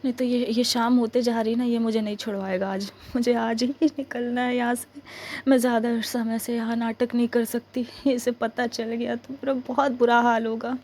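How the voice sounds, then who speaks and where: A woman's voice: a little high, little pitch movement, moderate pace, a little mellow, slight background noise, lightly acted. A woman playing a stranded, defiant young woman. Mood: grumbling. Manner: grumbling to herself, then pleading with stammering restarts. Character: young woman stranded behind enemy lines, anxious and defiant. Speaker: ASMR roleplay performer. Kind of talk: ASMR role-play.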